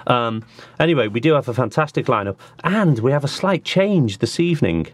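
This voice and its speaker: A man's voice: mid-range voice, lively intonation, fairly quick, dry recording. A man hosting an online acoustic music show from a small studio, chatting casually and jokily with lots of asides. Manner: rambling and jokey, with restarts and asides. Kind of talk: casual chat.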